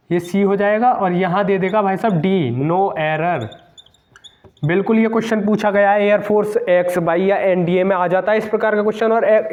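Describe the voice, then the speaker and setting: A man's voice: sits high, darkish tone. A man teaching English grammar for competitive exams, emphatic, repeating words and spelling them out letter by letter. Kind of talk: exam-prep grammar lesson.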